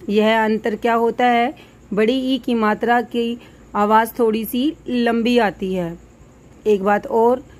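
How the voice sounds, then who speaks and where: A woman teacher, giving a children's phonics lesson, sounding out syllables clearly for young pupils. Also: on the high side, darkish tone. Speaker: primary school teacher.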